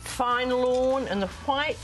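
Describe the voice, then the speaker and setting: A woman's voice: sits high, slow, faint music behind, low-quality recording. A woman with a New Zealand accent, a shop retailer, casually presenting products in an admiring, informal way.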